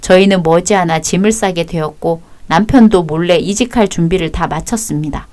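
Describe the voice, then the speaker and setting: A woman narrating a dramatized personal story in a calm, formal, scripted way. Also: fairly low pitch, normal speed.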